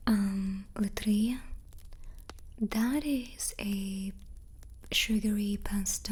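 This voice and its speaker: Munching cookies right up at the mic, this ASMR host answers questions in a soft, unvoiced whisper the whole time. Her voice is medium in pitch, with a little hiss or hum in the sound.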